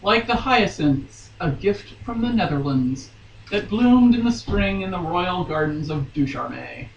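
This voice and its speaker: A woman with a lowish, expressive voice and some vocal fry reads a romance novel aloud as a podcast guest, a little slowly and with dramatic delivery. She keeps breaking off into playful, mock-dramatic asides. The mic is far away, leaving the recording dull and roomy with faint noise.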